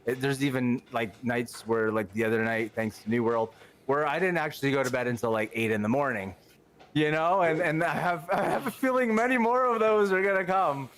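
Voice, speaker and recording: A man's voice: medium pitch, a little fast, a bit bright. Outgoing man in his thirties. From Canada. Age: 30s. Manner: outgoing, rambling, lots of fillers. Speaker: podcast guest. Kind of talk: casual chat.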